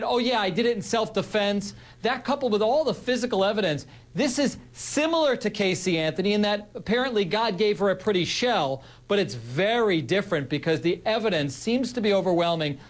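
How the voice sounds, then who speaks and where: High-voiced male legal pundit on a satellite link, blunt and self-assured. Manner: blunt, confident. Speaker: legal commentator. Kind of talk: broadcast panel commentary. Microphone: satellite remote link.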